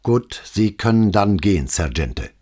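A stern police commissioner, played by a man reading aloud, pressing with firm, insistent questions. The voice is husky and low with lively pitch movement. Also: a little slow. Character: stern controlled middle-aged male police commissioner.

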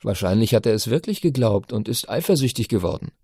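A man's voice: fairly low pitch, quick pace, breathy edge, dry recording, studio quality. A man doing a tired, patient father. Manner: calm, soothing replies. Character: tired middle-aged father, patient and gentle. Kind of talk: audiobook character voice.

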